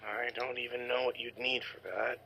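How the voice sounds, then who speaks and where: A man's voice: mid-range voice, level tone, moderate pace, vocal fry, pushed and bright, a little hiss or hum. A man playing a tabletop role-playing game, easygoing and chatting casually with friends. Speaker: player. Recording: dull, lo-fi home recording.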